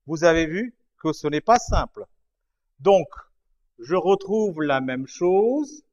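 A man teaching a writing lesson, slowly explaining each stroke, repeating himself and checking that his students follow. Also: a little high, lively intonation, a little mellow. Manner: patient, repeats and checks understanding. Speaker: language teacher. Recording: dull lo-fi recording.

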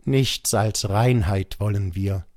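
A man's voice: fairly low pitch, slow pace, darkish tone, no echo, clean studio sound. A man voicing an old male jackal who pleads in a lamenting tone. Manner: lamenting, imploring.

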